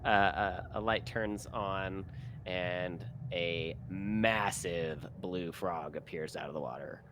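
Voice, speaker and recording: A man narrating as game master in a halting way, with many fillers. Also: low voice, background noise.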